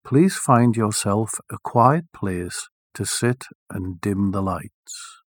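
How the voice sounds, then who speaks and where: A man leading a guided meditation, speaking softly and soothingly with long, deliberate pauses. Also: fairly low pitch, animated, no echo, studio quality.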